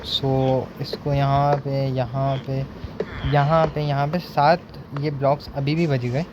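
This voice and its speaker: A man's voice: medium pitch, little pitch movement, takes it slowly. Young man chatting over gameplay, noisy. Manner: chatty, counts blocks aloud, mixes English words in. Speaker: gaming streamer. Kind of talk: casual gameplay commentary. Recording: noticeable background noise.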